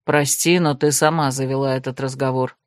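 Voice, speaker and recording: A woman voicing a stern, aloof young male necromancer in an audiobook, speaking calmly and with restraint. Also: a bass voice, moderate pace, dry recording, clean studio sound, pitched below the performer's own voice. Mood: restrained.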